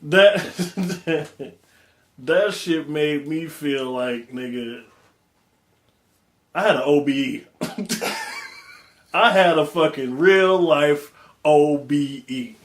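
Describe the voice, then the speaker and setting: A man co-hosting a casual podcast, telling stories loudly and laughing often. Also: fairly high pitch, drawn-out words, pauses often, reverberant. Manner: loud, laughing storyteller. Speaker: podcast co-host. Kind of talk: casual chat.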